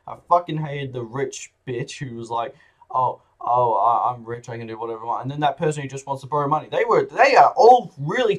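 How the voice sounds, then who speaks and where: A man giving a casual video review of films, talking bluntly, swearing freely and rambling between points. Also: a little high. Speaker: film reviewer.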